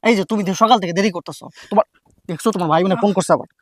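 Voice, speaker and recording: A fretful, impatient married man in a family drama. His high voice rushes along very fast, agitated and repeating itself, in a dry recording with faint music behind. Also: a bit bright, dry recording. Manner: repetitive, agitated, colloquial. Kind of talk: Bengali family TV drama acting.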